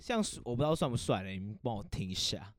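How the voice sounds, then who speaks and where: A man's voice: lowish voice, lively intonation, fast talker, no echo. A young man, chatting on a podcast and slipping into odd, quirky intonation when nervous. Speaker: podcast co-host. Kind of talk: casual chat.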